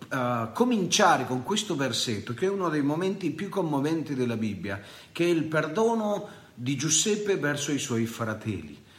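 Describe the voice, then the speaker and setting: A man preaching a sermon as pastor, impassioned and rising to loud peaks, with frequent fillers and restarts. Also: mid-range voice, echoey room.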